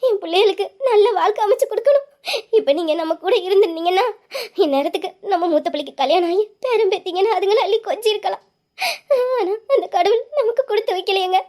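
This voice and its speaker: A woman's voice: very high-pitched, fast, mellow. A woman playing a middle-aged widowed mother in a family drama, speaking in a pleading, tender and tearful manner. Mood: grieving. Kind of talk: emotional family drama acting.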